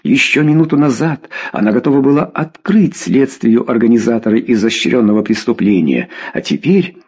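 A man narrating a crime novel as an audiobook, reading in an expressive, dramatic way. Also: medium pitch, moderate pace, husky.

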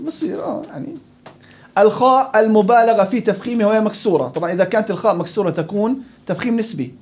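In a classroom, a high-pitched man teaches tajweed, the rules of Quran recitation, correcting students and repeating syllables to demonstrate each sound. He recites verses slowly with drawn-out delivery, captured in a dull lo-fi recording.

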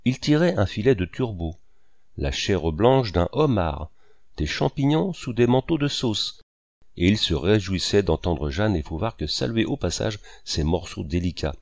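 Low-voiced man reading a novel aloud. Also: big pitch swings, a little slow, vocal fry, a little mellow, no echo, studio quality. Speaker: audiobook narrator. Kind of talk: scripted literary narration.

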